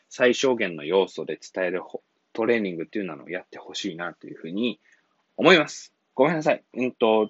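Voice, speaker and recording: A man's voice: on the low side, breathy edge, no room sound, lo-fi sound. A man hosting an English-coaching podcast, talking casually and rambling, often chuckling and apologizing as he loses his thread. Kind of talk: casual solo podcast talk.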